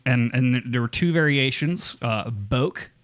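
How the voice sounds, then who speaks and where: A man's voice: mid-range voice, a little slow. A man co-hosting a podcast, joking crudely and laughing often in casual chat. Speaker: podcast co-host.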